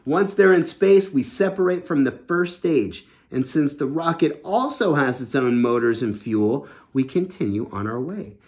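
With an animated, slightly mellow voice on the high side, a man in his thirties reads a children's book a little slowly, hardly pausing. As a storytime teacher and host in a small indoor home room, he explains the story to kids simply and expressively.

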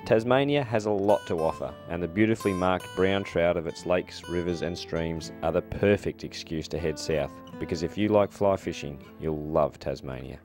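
A man reading scripted documentary narration in a calm, measured, explanatory way. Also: low voice. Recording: voice-over with loud background music.

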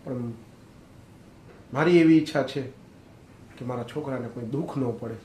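A man's voice: mid-range voice, moderate pace, dark tone, slight background noise, natural voice. A man voicing a dying elderly father who pleads earnestly with his son. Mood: pleading. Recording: echoey, roomy recording.

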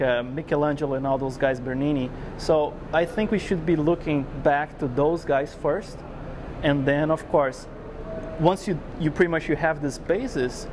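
A man's voice: fairly high pitch, background noise. A man in his forties from Brazil with a Brazilian Portuguese accent, answering interview questions casually in a large glass-walled hall on a lapel mic, rambling with many fillers. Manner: rambling, many fillers like "you know, it's like". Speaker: guest artist.

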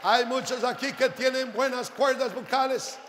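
An older man preaching a sermon as pastor, moving from quiet storytelling to shouted, fervent preaching. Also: very high-pitched, fairly even intonation, moderate pace. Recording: reverberant hall with faint crowd and noise.

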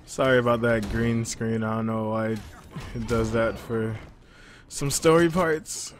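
A young man giving relaxed, joking commentary while playing a fighting game. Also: mid-range voice, unhurried. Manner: laid-back, joking. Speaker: gameplay commentator. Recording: game music faintly behind.

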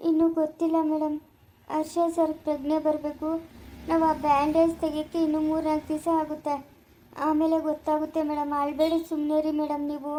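A woman's voice: high-pitched, completely flat delivery, brisk, dark tone, slight background noise, voice pushed down, lightly acted, rough recording. A woman playing a grieving mother who cries and pleads over her injured son in an amateur family drama. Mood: weeping, grief-stricken. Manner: wailing, pleading. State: crying.

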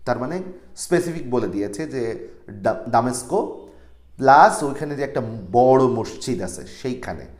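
A male teacher reads old literary phrases aloud and then restates them in plain everyday speech. His pitch moves a lot from line to line. The room around him is echoey. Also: lively intonation, a little slow, pauses often. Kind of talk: explaining a textbook story line by line.

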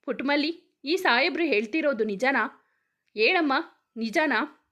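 A woman's voice: high-pitched, lively intonation, measured pace, a bit bright. A woman voicing a worried old village grandfather who asks anxious, pleading questions.

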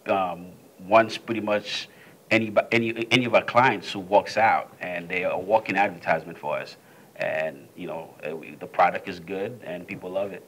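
A man's voice: low-pitched, fairly even intonation, moderate pace, a bit bright, low-quality recording. A young adult man from Haiti, co-founder of a salon, answering interview questions hesitantly with many ums. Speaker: salon co-founder, business manager. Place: studio set with leather sofa.

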